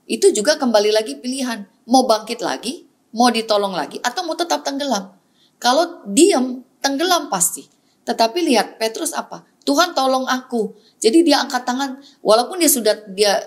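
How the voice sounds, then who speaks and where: Woman pastor preaching with rising, falling emphasis. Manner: repetitive exhortation, calling the congregation "saudaraku"; drops pitch and volume on closing words, rises sharply on repeated key words. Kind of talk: sermon.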